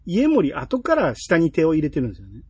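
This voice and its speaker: Kansai-accented male podcast co-host, husky, lively pitch, dry close sound, animated storyteller. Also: brisk, no echo. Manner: chatty, animated storytelling with acted-out quotes. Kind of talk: casual chat reviewing a TV drama.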